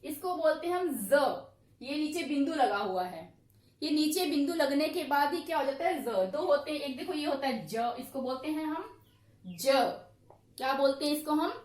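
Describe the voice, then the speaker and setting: A woman teaching a grammar lesson, asking questions and answering them herself and repeating examples slowly. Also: sits high, darkish tone. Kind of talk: classroom-style lesson. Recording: echoey room.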